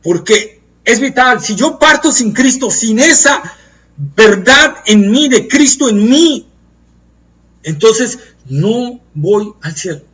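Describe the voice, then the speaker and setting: Guy preaching in a high voice, earnest, stretches out the big words, sounds far from the mic. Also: animated, fairly bright tone. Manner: earnest, emphatic, slows to stress key phrases. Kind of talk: Bible study sermon.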